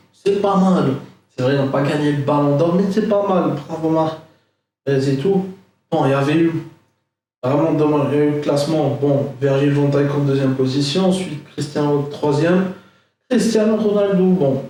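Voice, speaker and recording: A young man rambles through a casual football reaction, chatty and loaded with fillers. His voice sits fairly high. He sounds well back from the mic in a strongly echoing room. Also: darkish tone. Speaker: football vlogger. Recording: echoey room, far from mic.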